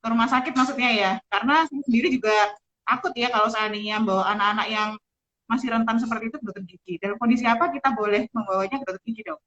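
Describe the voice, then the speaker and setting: Higher-voiced woman host talking through a face mask. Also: steady tone, racing, a bit bright, highs cut off. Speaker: host, doctor. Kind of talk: live-stream interview hosting. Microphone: speaking through a face mask on a live video call.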